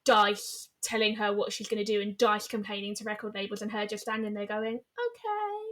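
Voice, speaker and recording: A woman's voice: mid-range voice, monotone, brisk, fairly bright tone. A woman co-hosting a podcast in casual chat, making wry, dry remarks. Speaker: podcast co-host.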